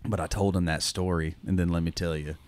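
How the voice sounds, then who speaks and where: A man's voice: low-pitched, brisk, no echo. A man, a schoolteacher co-hosting a podcast, telling a story casually with lots of fillers and the odd laugh. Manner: relaxed, rambling, many fillers like "you know" and "um"; laughs now and then while telling stories.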